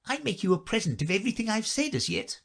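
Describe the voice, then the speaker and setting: A man's voice: high-pitched, very animated, quick pace, creaky, voice pushed up, full character voice. A man voicing a fussy, long-winded duchess who turns everything into a moral. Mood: moralizing.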